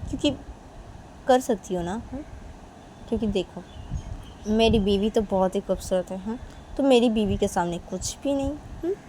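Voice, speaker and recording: A woman's voice: medium pitch, normal speed, long pauses, dark tone, a little hiss or hum, natural voice. A woman voicing a smug married young woman who taunts the other and keeps asking "haan?". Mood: taunting. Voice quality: taunting, ends lines with "haan?".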